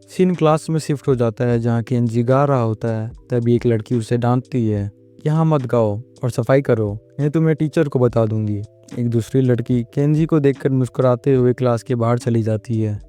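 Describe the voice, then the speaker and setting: A man with a mellow, dark-toned voice at an ordinary middle pitch tells a manga story as a recap. He moves through the scenes one by one and reads each character's line in his own plain voice, without acting out the roles.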